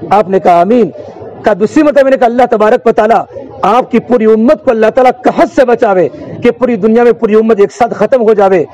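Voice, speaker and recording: A man's voice: high voice, mellow, dull audio. A man preaching a sermon in an emotive, rhythmic oratorical style, with repeated refrains and recited verse.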